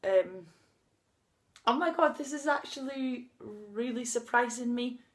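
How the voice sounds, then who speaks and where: In a personal vlog recorded outdoors on a sunny day, a woman in her thirties talks openly and emotionally, unscripted and laughing at times. Her stutter causes blocks on first sounds, and her voice is on the high side at a measured pace.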